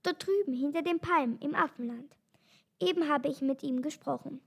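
A woman's voice: high-pitched, moderate pace, vocal fry. A woman reading aloud and voicing a proud male lion who has become ashamed and speaks hesitantly. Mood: eager.

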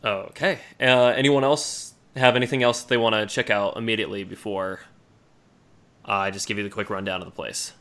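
Bright, clear-voiced man as game master. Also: on the low side, fairly even intonation, fairly quick. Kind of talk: improvised tabletop game narration.

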